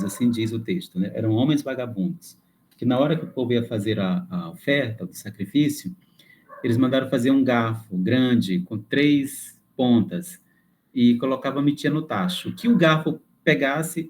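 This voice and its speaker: A man's voice: mid-range voice, a little mellow. A man giving a classroom lecture, explaining patiently and thinking aloud, with frequent fillers and restarts.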